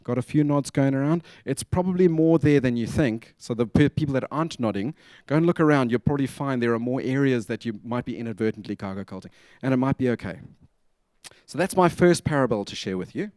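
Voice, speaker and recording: A man's voice: mid-range voice, expressive, fairly quick, a little mellow, no echo. Guy doing a casual conference talk, mid voice, dry close sound, jokey asides, keeps asking the crowd. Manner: chatty, asks audience for nods, jokey asides. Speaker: conference speaker. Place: conference venue.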